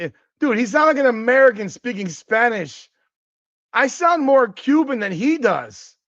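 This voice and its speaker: Reading comments from chat, a man in his forties hosts a laid-back sports talk stream, and his slightly high voice shoots upward as he rants, swearing plenty whenever he's fired up. The recording sounds a bit bright yet dry, a little dull and lo-fi, with no room sound.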